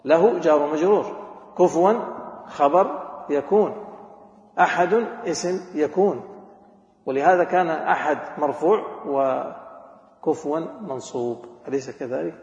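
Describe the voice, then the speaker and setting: A man teaching a grammar class, quizzing students and slowly repeating words. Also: a little high, a little mellow. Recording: echoey hall, dull lo-fi recording.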